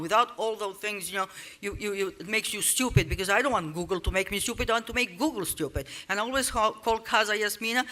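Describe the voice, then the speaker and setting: Woman speaker, bright and forceful, loose and digressive delivery. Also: medium pitch. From Serbia. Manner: rambling, with many restarts and "you know" asides. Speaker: speaker at a conference panel. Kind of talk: informal conference talk.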